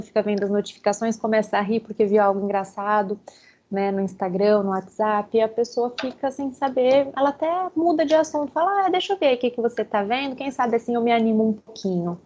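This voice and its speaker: A woman's voice: on the high side, a little mellow. A woman psychologist giving a conversational talk to teachers, often checking in with her listeners and acting out everyday remarks. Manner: chatty, keeps checking in with listeners and acts out quoted remarks. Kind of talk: conversational lecture. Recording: dull lo-fi recording.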